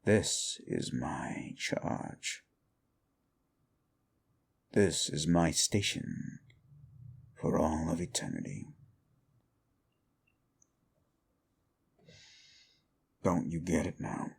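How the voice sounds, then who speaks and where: A man performs a brooding, scornful fallen demon for an audio roleplay, speaking slowly in a deep, gravelly voice. The delivery is heavily acted and sing-song, with a weary mood.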